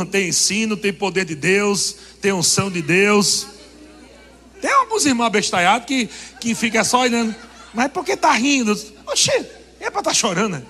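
Animated high-voiced preacher in a hall. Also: male voice. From Brazil. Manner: animated, joking, laughing with the congregation. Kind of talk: sermon. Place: church hall. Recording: long reverb of a church hall.

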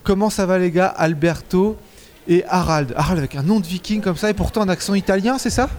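High-voiced man hosting casually. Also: a little fast, a little mellow. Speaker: interviewer, host. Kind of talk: casual festival interview.

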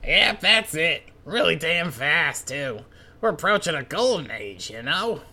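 Here is a crude, snot-nosed henchman who needles everyone in a gravelly, mocking drawl, as a man puts him on for a comic read-along. His voice is bright, sharp and rough with fry, and it sits a little higher than a plain speaking voice. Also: big pitch swings, unhurried, heavily acted. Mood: boastful. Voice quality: gravelly, coughing. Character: crude, snotty, gloating male henchman, adult. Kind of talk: manga read-along voice acting.

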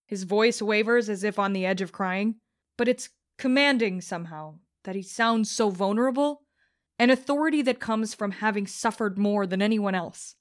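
A woman's voice: mid-range voice, moderate pace. A woman narrating an audiobook in the first person as a vengeful young rebel, bitter and contemptuous.

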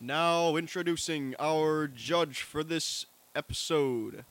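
A grandiose game show announcer, put on by a young man stretches every word out slowly. The voice sits a little higher than his normal talk and swells with showy importance. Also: fairly bright tone, no echo. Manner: slow, drawn-out, grandiose delivery.

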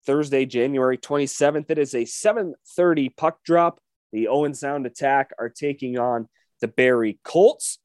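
A man with a fairly high, slightly mellow voice co-hosts a sports podcast, casually chatting through a rundown of game details and hedging with fillers. The recording is dry and studio quality.

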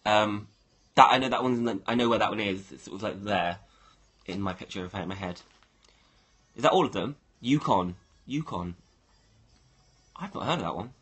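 A man's voice: fairly low pitch, quick pace, pauses often, a bit bright, husky. A man hosting a casual livestream, rambling and thinking aloud as he talks to his viewers. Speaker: livestream host.

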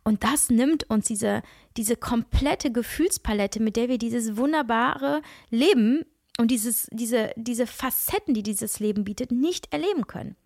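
A middle-aged woman, nasal from a cold, hosts a reflective solo podcast as a coach, speaking in an earnest, searching way with many restarts and soft asides. Her voice sits on the high side and is creaky, at a measured pace. The recording is clean studio sound with no room sound.

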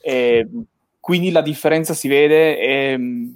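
A man's voice: mid-range voice, slow, clean tone, dry recording. Man in casual discussion, very dry sound. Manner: rambling, often checks with "no?". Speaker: panelist on a video game talk show.

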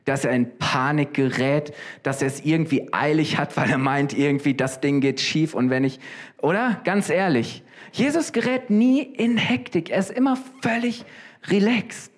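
A man's voice: fairly high pitch, moderate pace. Conversational male preacher. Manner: lively, conversational, asks the audience questions. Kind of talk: sermon.

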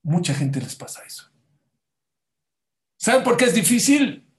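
A man delivers a sermon in a somewhat high voice. He swings from hushed, low asides to loud, raised passages, acting out the people in his stories. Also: big pitch swings, a little slow. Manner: dramatic, swings from hushed to loud, acts out quotes. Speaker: preacher.

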